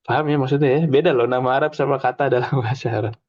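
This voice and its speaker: A man's voice: medium pitch, fairly even intonation, racing, a little mellow, no echo. A man teaching an informal Arabic class, chatty, explaining with examples and having students repeat after him. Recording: dull lo-fi dry recording.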